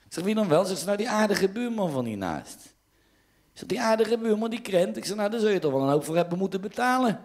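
A man with a Dutch accent telling stand-up jokes in a lively storytelling manner. His voice sits a little higher than most men's. He jumps up in pitch for quoted lines and drops back for the narration. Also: quick pace. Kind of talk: joke telling.

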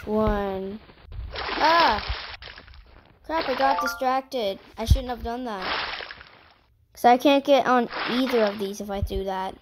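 A woman chatting casually while she plays a video game, exclaiming at mishaps and apologizing for yelling. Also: a little high, slow, long pauses, over music. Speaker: gameplay streamer. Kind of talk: casual gameplay commentary. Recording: noisy home recording.

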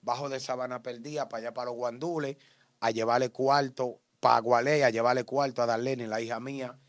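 Dominican man, street slang, tells it animated with shouts and bang sounds, mid voice, dry mic. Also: medium pitch, a little fast, no room sound. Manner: animated, acts out shouts and gunshots. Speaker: interview guest giving testimony.

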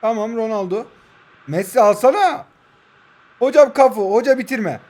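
High-voiced young man, heated game commentary. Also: moderate pace, a little mellow. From Turkey. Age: 20s. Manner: heated, urging players on, trash-talking the opponent. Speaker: mobile football gamer. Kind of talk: live gameplay commentary.

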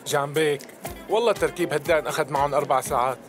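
Flustered, rapid-fire Syrian Levantine Arabic man acted out by a man. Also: on the high side, close to an everyday voice. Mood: complaining. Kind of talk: dubbed television drama dialogue. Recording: music behind the voice.

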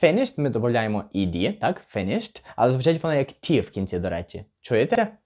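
A young male language teacher explains grammar step by step at a medium pitch. He slows right down to model each example phrase carefully, then picks the pace back up for his explanations. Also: very animated, a little mellow. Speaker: English teacher. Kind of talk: language lesson for beginners.

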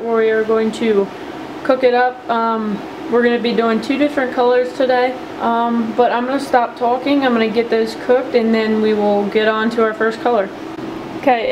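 An air conditioner hums as a bait maker at her home workshop bench walks through her process in a casual, hands-on tutorial. Her voice is a little high, and she sounds chatty and upbeat, with lots of filler words.

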